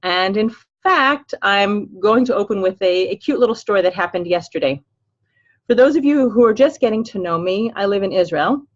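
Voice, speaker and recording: An older woman with an American accent, raised in Los Angeles, hosts a webinar as a financial planner, chatty and upbeat with everyday fillers. Her medium-pitched voice is animated and moves at a moderate pace. The audio sounds dull.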